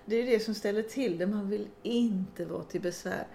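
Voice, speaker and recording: A woman's voice: mid-range voice, vocal fry, mellow, slight background noise. A middle-aged woman co-hosting a podcast, telling a funny story in casual chat, laughing and swearing freely as she goes. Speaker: podcast co-host.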